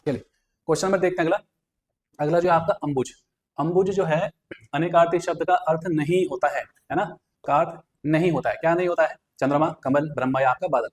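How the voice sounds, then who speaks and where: A male teacher works through exam questions one by one, explaining each answer and checking back with his listeners as he goes. His voice sits a little on the high side. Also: steady tone, brisk. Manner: explains step by step with repeated fillers. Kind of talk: exam prep lesson.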